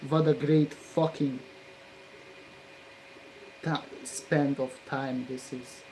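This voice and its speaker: A frustrated hobbyist grumbles under his breath at a workbench, cursing at a fiddly board and now and then bursting into a loud yell. He drags his words out slowly, and a faint hiss of background noise sits under the voice. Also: fairly even intonation. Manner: cursing angrily at the work, with sudden loud outbursts; low grumbling between outbursts. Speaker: hobbyist electronics maker. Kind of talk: muttering while soldering on camera.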